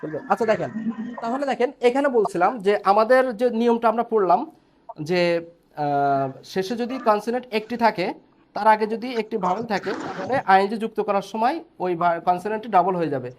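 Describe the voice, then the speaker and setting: A man's voice: high-pitched, expressive, fast, a little hiss or hum. A man teaching an online English class, explaining step by step and checking in with his students.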